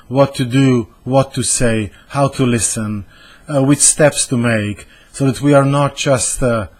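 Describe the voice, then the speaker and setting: A man in his fifties from Slovenia with a Slovenian accent, introducing himself as a communication trainer and searching thoughtfully for his words. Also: medium pitch. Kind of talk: personal self-introduction to camera.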